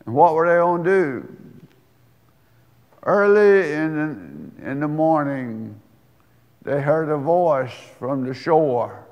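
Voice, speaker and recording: A man preaching a sermon, telling a homely story in a slow, folksy way before turning to scripture. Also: on the high side, big pitch swings, a little mellow, big-room sound. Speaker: pastor.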